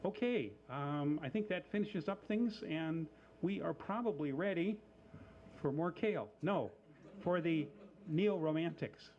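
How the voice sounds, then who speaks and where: A man hosting a live coffee house show, casual and halting, with lots of fillers and dry little jokes. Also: fairly high pitch, lo-fi sound, a little hiss or hum. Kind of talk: casual live emcee patter.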